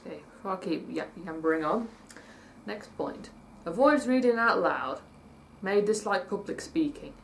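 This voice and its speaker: At home during the day, with faint traffic outside, a woman vlogs in a husky, not-yet-warmed-up voice, rambling as she reads points from a list, comments on them and spells words letter by letter. Her voice is on the low side, animated and moderately paced.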